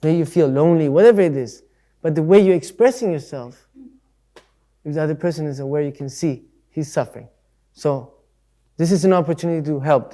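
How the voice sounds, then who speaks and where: Male speaker, casual Dharma talk, conversational and full of everyday examples, slightly high voice. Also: dark tone. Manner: acts out voices in quotes. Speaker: speaker at a Buddhist centre.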